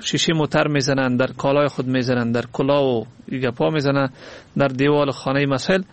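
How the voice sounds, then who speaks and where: A man's voice: mid-range voice, steady tone, dry recording. A man hosting a radio call-in show, teasing and playful as he questions the callers. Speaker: radio host. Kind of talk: casual radio call-in chat.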